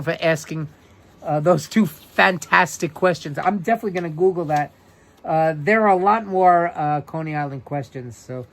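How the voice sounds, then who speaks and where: A man with a New York accent hosting a casual live-stream, reading trivia questions aloud and answering viewers by name in a chatty, relaxed way. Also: a little high. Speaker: livestream host.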